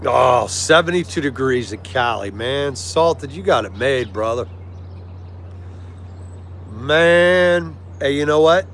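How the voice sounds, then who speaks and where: A livestream host from the US chats with live viewers in a relaxed, agreeable, friendly manner, speaking with an American accent. His medium-pitched voice is expressive and fairly bright, and he talks slowly. Clear background noise resembling a vehicle runs throughout.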